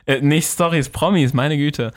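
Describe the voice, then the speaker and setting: A man's voice: a little high, measured pace. A young man co-hosting a podcast, chatting casually, teasing his friends and laughing often. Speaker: podcast co-host. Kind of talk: casual chat.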